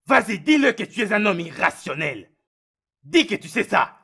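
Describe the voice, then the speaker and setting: A man dubbing a furious betrayed husband who accuses and shouts over the others, in a French film dub. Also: sits high, very animated, moderate pace, vocal fry, a little hiss or hum, heavily acted.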